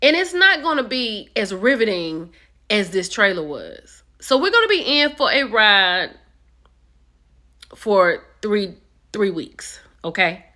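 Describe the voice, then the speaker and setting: A chatty woman hosts casual commentary on a reality show. Her voice is bright and forceful, and it jumps high when she gets excited. She talks into a close vlog mic. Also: slow. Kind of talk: casual chat.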